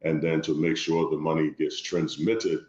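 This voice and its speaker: Liberian-born man guest, very low voice, formal and measured, echoey dull remote audio. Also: flat delivery, a little mellow. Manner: measured, formal, repeats "long story short". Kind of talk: interview conversation.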